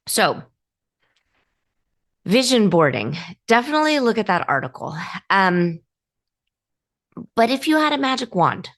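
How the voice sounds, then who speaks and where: A woman's voice: mid-range voice, sing-song, measured pace, pauses often, fairly bright tone. A woman hosting a podcast, giving casual, encouraging advice to listeners, chatty and full of ums and restarts. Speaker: podcast host and life coach. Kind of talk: casual motivational talk to listeners.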